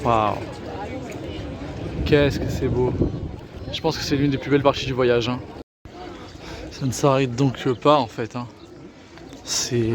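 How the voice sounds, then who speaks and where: A male travel vlogger talks into a handheld camera as he walks through a city and shows a hostel room. He is chatty and enthusiastic, stacking up fillers, and sounds worn out from a long day on his feet. Street and city noise stays clearly audible behind him. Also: mid-range voice. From France. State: tired, sore feet. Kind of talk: casual travel vlog. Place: outdoors in a city and indoors in a hostel.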